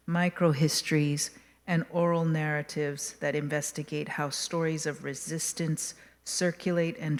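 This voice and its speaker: A woman introducing a museum event as host, upbeat and formal, reading prepared remarks. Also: deep voice. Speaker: museum education director, host. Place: museum gallery. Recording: reverberant hall.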